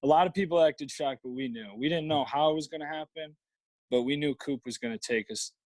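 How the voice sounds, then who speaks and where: A man's voice: on the high side, a little fast, a little mellow, dry recording, low-quality recording. Young man in a dry, rambling interview. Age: young adult. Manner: rambling, lots of fillers and restarts. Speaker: guest, college baseball player. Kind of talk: casual interview.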